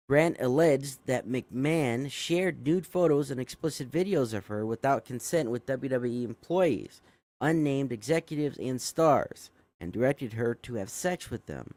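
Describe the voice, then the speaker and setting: A man's voice: medium pitch, expressive, unhurried, darkish tone, no echo. A young man hosting a live show, reading a news story aloud and reacting to it casually. He swears often, sounds amazed, and corrects himself a lot. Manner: swearing, easily amazed, with frequent fillers and self-corrections. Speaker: show host.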